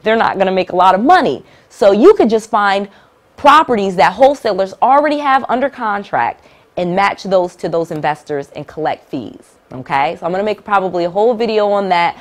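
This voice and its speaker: A woman's voice: mid-range voice, lively intonation, brisk. A middle-aged woman teaching real estate investing to camera, emphatic and direct, repeating key points and checking in with "all right?".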